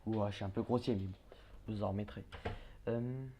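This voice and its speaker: A man giving casual gameplay commentary, chatting, swearing and muttering quick orders at the characters on screen. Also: lowish voice, fairly even intonation, dark tone, a little hiss or hum. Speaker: let's play gamer.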